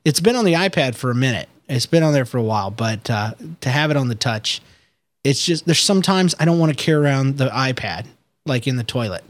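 A man chats on a laid-back podcast, joking and riffing with his co-host. His voice sits at a middling pitch and sounds dry and close, with no room around it. It comes through a Skype call. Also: expressive, brisk, dry recording. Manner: joking, breaks into high-pitched impressions and giggles. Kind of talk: casual chat.

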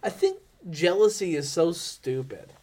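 Male podcast co-host, somewhat high voice, rambling and excitable, laughs nervously through stories. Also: unhurried. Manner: rambling, animated, laughs nervously while reading. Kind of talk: casual podcast chat.

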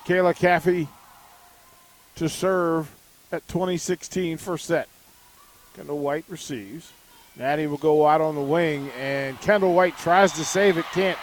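A slightly high-voiced man calls a volleyball match live for radio, ticking off each serve, set and point at a measured clip. Faint arena ambience sits low behind his voice. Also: steady tone, slight background noise. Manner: brisk, measured calling of each rally. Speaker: radio play-by-play announcer. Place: arena broadcast position high above the court.

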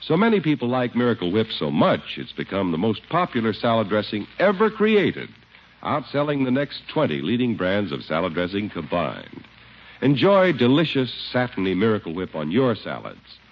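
In 1950s radio style, a man reads scripted ads and narration with emphatic salesman phrasing. His lowish voice swings widely in pitch at a moderate pace, heard through a muffled old radio recording with faint noise.

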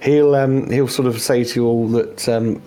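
A man's voice: medium pitch, steady tone, moderate pace, dark tone. A man running an online tabletop game as game master, hesitant with many fillers, over a video call.

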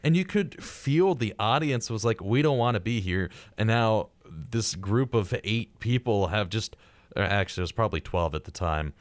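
A young man co-hosting a podcast, telling stories in casual chat, getting animated and higher when excited. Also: moderate pace, dry recording. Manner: animated storytelling, rises in pitch when excited. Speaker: podcast co-host.

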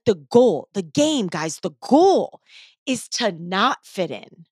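A woman's voice: medium pitch, dry recording, clean studio sound. A young woman hosting a solo motivational podcast, speaking emphatically in short repeated phrases with casual slang and swearing. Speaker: podcast host.

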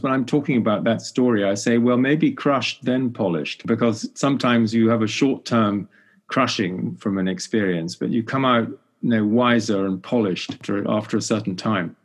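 A middle-aged man hosting an interview, affirming his guest and sometimes stumbling over repeated words. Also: fairly low pitch. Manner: warm, affirming, slightly halting with repeated words. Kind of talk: conversational interview.

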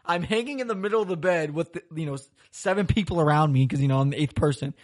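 Talking fast in a fairly high voice, a young Floridian podcast host rambles through a story in a casual chat. He laughs a lot, swears freely, and retells it with plenty of animation.

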